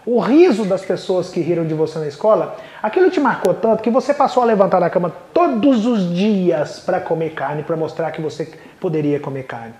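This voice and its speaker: A woman's voice: fairly low pitch, lively intonation, fairly quick, hardly any pauses, warm tone, echoey room, natural voice. A man voicing a mother who patiently and earnestly explains things to her young son. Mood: tender, proud.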